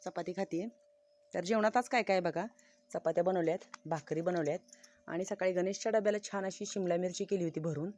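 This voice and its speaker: A woman's voice: on the low side, a little fast, a little mellow. A woman vlogging casually outdoors on a farm, chatting homely and directly to her viewers. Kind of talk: casual farm vlog narration.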